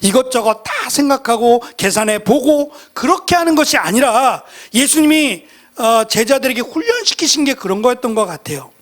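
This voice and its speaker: A man's voice: extremely high pitch, very animated, normal speed, fairly bright tone. A middle-aged male pastor preaching a sermon in an earnest, reflective way.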